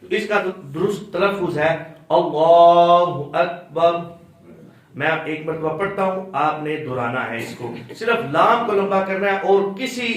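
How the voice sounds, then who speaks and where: A man with a slightly high voice teaches a class from a distance, his words ringing around a very echoey hall. He explains step by step and pauses to quiz the students. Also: lively intonation, a bit bright. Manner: explanatory, quizzes the class, chants drawn-out demonstrations. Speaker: religious teacher. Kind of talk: classroom instruction on prayer. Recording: very echoey room, distant mic.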